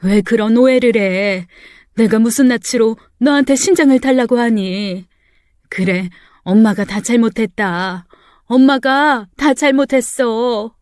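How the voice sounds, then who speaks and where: A woman voicing a gentle middle-aged mother who speaks softly and apologetically in a story. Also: on the high side, unhurried, no room sound, clean studio sound, pitched above the performer's own voice, close to an everyday voice. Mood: pleading. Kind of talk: storytelling narration.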